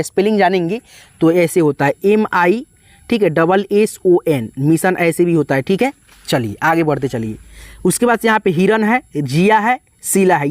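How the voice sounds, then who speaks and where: A male English teacher gives a patient, step-by-step spelling lesson, spelling letter by letter and repeatedly saying "ठीक है" and "दोस्तों". His voice is high with a darkish tone, recorded dry and close to the mic with no echo.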